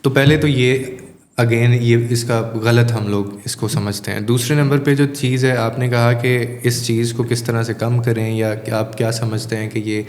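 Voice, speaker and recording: A man's voice: medium pitch, steady tone, darkish tone. A man talks as a life coach, laying out his points with emphasis and slipping English phrases in. His voice sits in the middle range. The room rings with a long, roomy echo. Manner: emphatic, explanatory, mixes English phrases into Urdu. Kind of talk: conversational advice in a podcast interview. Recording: echoey room with long reverb.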